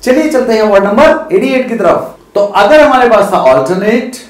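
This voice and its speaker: A male teacher runs a vocabulary lesson with a fairly high voice. He explains in Hindi and slows right down to sound out each English example. The sound carries a clear echo from the room. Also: animated.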